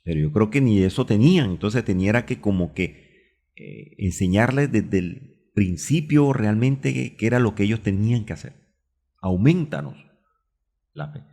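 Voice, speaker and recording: A man's voice: on the low side, normal speed, dark tone. A man with a Colombian Spanish accent preaching a radio sermon, stopping to look up Bible verses aloud and drawing out key words. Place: radio studio.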